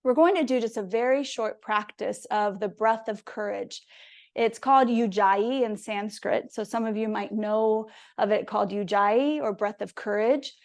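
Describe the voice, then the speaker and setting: A woman leading a guided yoga and breathing lesson, with calm, gentle cues and drawn-out breath sounds. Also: on the high side. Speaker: mindfulness and yoga instructor.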